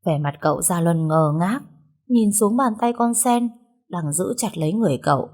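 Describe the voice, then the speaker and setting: Casting: woman narrator, animated storybook reading. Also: lowish voice, moderate pace. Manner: lively, expressive reading. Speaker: audiobook narrator.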